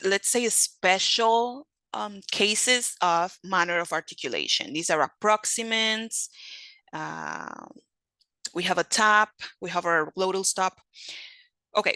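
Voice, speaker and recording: A woman's voice: medium pitch, pushed and bright, no room sound, poor audio. A woman teaching a phonetics lesson, listing sounds methodically and repeating each example word. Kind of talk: lecture.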